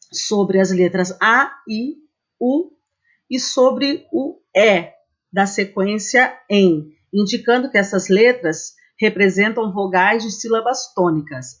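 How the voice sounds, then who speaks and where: Woman teacher going thru grammar slides, super slow and patient, kinda muffled recording. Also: mid-range voice. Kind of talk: slide-based grammar lesson.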